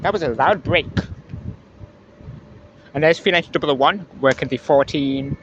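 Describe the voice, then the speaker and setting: Male trainspotting vlogger, fairly high voice, casual and repetitive, dull sound swamped by platform noise. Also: moderate pace. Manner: repeats phrases, reads out train numbers. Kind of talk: casual commentary to viewers. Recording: dull handheld audio, very loud station noise. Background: outdoor railway platform with trains.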